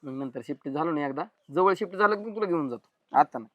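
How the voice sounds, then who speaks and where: An actor playing a husband in a village drama, with quick teasing banter. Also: male voice, on the high side, expressive, dry recording, dull audio, close to an everyday voice. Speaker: husband working away. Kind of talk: Marathi village drama acting.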